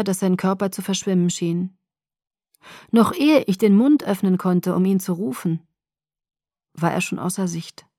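A woman's voice: mid-range voice, no room sound, studio quality. Woman narrating an audiobook. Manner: steady, even first-person storytelling.

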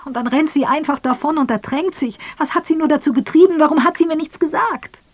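A woman reader voicing a distraught young husband who shouts high and strained. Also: fairly even intonation, moderate pace, creaky, breathy edge, dry recording. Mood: desperate.

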